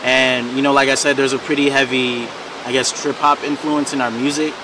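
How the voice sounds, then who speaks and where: Young man, musician guest, laid-back chat, loud outdoor traffic behind. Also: medium pitch, flat delivery, a little fast. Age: 20s. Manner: laid-back, many fillers like "you know". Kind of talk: casual interview chat. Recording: distant mic, loud outdoor traffic noise.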